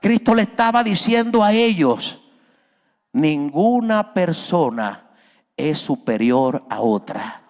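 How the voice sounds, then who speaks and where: A man preaching a sermon as a pastor, his voice climbing high and loud as he acts out pleas. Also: very animated, slow. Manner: preaching, voice rises high and loud when acting out Peter's plea. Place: church hall. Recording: long reverb of a large church.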